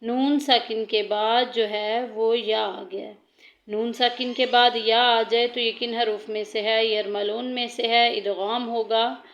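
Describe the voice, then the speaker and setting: A woman leads a tajweed lesson at a slow, deliberate pace, laying out each rule step by step between drawn-out recitations. Her voice sits a little high. The recording is muffled and lo-fi. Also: level tone. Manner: patient, explains rules step by step, recites verses slowly. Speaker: Quran recitation teacher.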